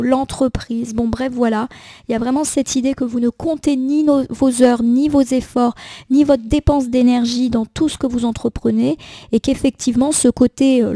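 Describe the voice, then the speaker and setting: A woman with a cold gives a gentle, reassuring daily tarot reading, thinking aloud with small fillers. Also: sits high, no room sound. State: has a cold. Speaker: tarot card reader.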